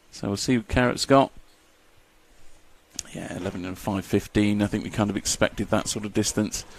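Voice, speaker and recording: A man doing live race commentary, chatty and jokey as he reads out lap times. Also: mid-range voice.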